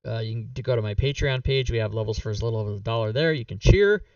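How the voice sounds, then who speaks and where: A game master ends his stream loosely and relaxed, talking fast with plenty of "uh"s while his fairly low voice starts to give out. His mic sits back from him, so the sound is distant, dry, and dull.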